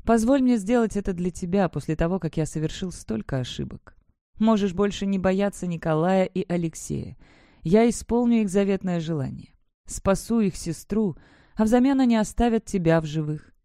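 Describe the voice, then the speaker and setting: A woman voicing a gentle young man saying farewell to his sister, in an audiobook reading, soft-spoken and earnest. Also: mid-range voice, animated, normal speed, dry recording, studio quality, natural voice. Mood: tender.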